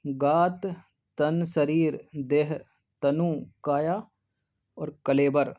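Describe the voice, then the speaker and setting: A man's voice: on the high side, steady tone, extremely slow, warm tone. Male exam-prep teacher, methodical and level, with a dull lo-fi sound. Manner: methodical, reads options aloud and eliminates them one by one. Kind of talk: explaining a Hindi test paper. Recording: dull lo-fi recording.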